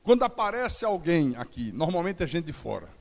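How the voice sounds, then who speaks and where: Middle-aged preacher guy, high voice, echoey church, jokes and acts out bits. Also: very animated, fairly quick, vocal fry. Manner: preaching with acted-out dialogue and humor. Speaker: pastor. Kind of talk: sermon.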